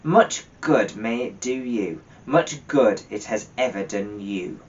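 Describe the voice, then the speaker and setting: A man's voice: fairly low pitch, animated, slow. A man voicing a scornful, grumpy old miserly uncle in a storybook reading, stern, indignant and growling. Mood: stern, sarcastic. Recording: distant, dull lo-fi microphone.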